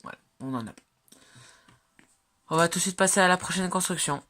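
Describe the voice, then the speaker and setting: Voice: mid-range voice, fairly quick, sharp tone. A speaker casually narrating a walkthrough of their own game builds, hesitant, with many fillers and self-corrections, joking about their own slips. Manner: chatty, jokes at own slips. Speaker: game creator showing builds.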